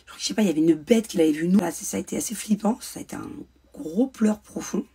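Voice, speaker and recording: A young woman who vlogs as a mother shares a personal story indoors at home by a ring light, stumbling through fillers and restarts. She talks fast in a warm, mid-range, slightly rough voice.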